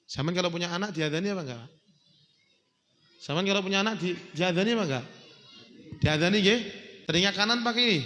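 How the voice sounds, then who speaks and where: A male preacher, giving a lively, joking sermon at a family celebration and sometimes chanting. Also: fairly high pitch. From Indonesia. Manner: animated, humorous, addresses the audience as "Pak", chants the call to prayer. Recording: echoey hall.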